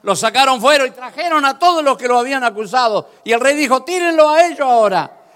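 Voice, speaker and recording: A man preaching with passion, his voice sitting very high. He drifts between calm retelling and loud, fervent bursts. The sound rings with the long reverb of a church hall. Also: quick pace. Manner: impassioned, swings from storytelling to shouting. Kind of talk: sermon.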